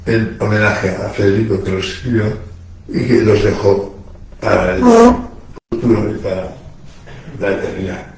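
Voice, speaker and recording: Slow man declaiming poetry in echoey room. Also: lowish voice, animated, a little mellow. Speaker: reciting poet. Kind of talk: poetry recital. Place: bookshop event room. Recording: echoey room, distant mic.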